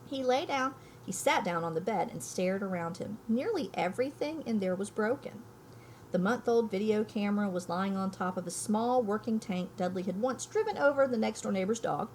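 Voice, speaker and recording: In a low-quality recording with slight background noise, an elementary school teacher reads aloud and explains a storybook for young listeners. Her mid-range voice is a little mellow, with lively intonation at a moderate pace. She speaks emphatically and thinks aloud.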